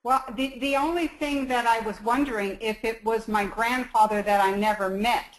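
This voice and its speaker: A woman's voice: fairly high pitch, moderate pace, rough recording. A woman calls in to a psychic show. She talks in a hesitant, thankful way and keeps restarting her sentences. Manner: hesitant, grateful, many restarts. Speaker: caller. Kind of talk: phone-in call.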